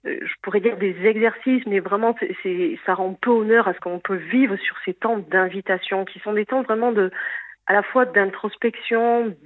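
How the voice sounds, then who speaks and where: A woman's voice: mid-range voice, steady tone, no room sound. Woman guest on a phone-like radio line. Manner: measured, with frequent fillers and restarts. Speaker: certified forest bathing guide.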